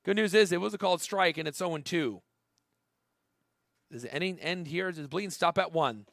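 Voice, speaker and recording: A man calling a baseball game live, chatting between pitches and rising to excited shouts on big plays. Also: a little fast, gravelly, dry recording, clean studio sound. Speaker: play-by-play announcer. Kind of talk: live baseball play-by-play commentary.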